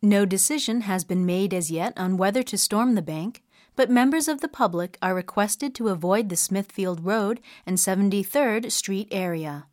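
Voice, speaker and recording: A woman reading a scripted news report in a crisp, even newsreader delivery. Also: mid-range voice, moderate pace, no room sound. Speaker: news reader. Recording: dry studio.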